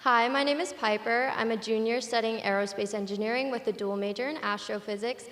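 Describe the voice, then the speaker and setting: A young woman from Colorado, an engineering student, introducing herself briskly. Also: fairly high pitch, fairly even intonation, over a noisy crowd, very noisy. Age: young adult. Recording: reverberant hall.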